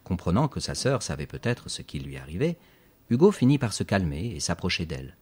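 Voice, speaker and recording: A man narrating a children's story with expressive, lively storytelling. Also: sits low, fairly quick, breathy edge. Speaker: audiobook narrator.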